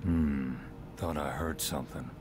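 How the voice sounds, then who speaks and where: A low, gruff old small-town sheriff. He is stern and ominous in the manner of a video game figure. Music plays clearly behind him. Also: fairly even intonation, unhurried. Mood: terse, grim.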